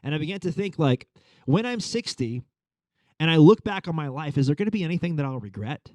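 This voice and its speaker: A man's voice: a little high, very animated, fairly quick, darkish tone, no echo. A man in his thirties giving a conversational sermon as a pastor, telling a story with many fillers. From Long Island. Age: 30s.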